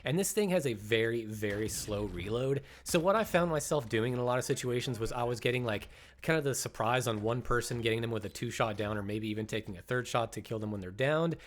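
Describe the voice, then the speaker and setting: A man's voice: mid-range voice, fairly quick, a little hiss or hum. A young man with a congested voice, chatting enthusiastically as host of a gaming video about shotgun damage. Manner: enthusiastic, chatty, laughs at how fun the weapon is. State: congested after illness. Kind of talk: casual game commentary.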